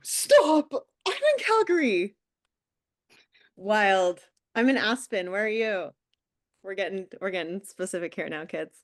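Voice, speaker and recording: Lively Canadian woman reading chat. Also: medium pitch, unhurried. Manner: playful, excited, reads chat aloud. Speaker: co-host helping on the call. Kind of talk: casual chat.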